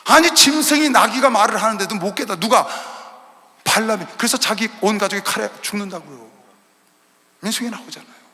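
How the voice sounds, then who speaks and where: A man preaching an impassioned sermon as a pastor, dropping to hushed storytelling and then rising to loud shouts. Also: high-pitched, fairly quick. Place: large arena hall. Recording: reverberant arena hall.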